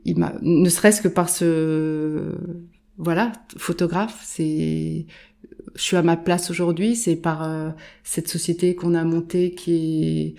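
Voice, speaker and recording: A middle-aged woman talks as an interview guest in a low, gravelly voice. She speaks with animated energy, often restarting and repeating words as she gathers her thoughts. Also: takes it slowly. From born in Morocco, raised in Nairobi and London. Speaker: guest, photographer. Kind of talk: casual interview conversation.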